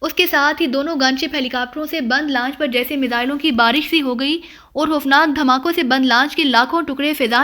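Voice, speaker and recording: A woman reading a spy thriller novel as audiobook narration, in a steady storytelling voice. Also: high-pitched.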